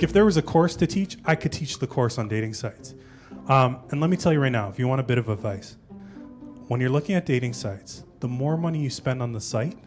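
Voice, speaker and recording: This comedian in his forties has a mid-pitched, slightly mellow voice and a relaxed, talkative style. He switches between answering interview questions and performing bits of his set, often capping a thought with "right?".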